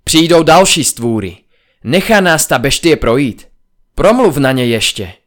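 A man voicing an exhausted young woman with fire powers, speaking wearily in a husky voice as he reads the story aloud. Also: on the high side, sing-song. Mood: urgent. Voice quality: weary, husky.

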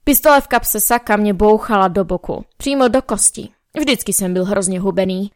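A woman reading a novel aloud as first-person narrator, in a measured, wry storytelling manner, close to the mic. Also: mid-range voice, no echo. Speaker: audiobook narrator.

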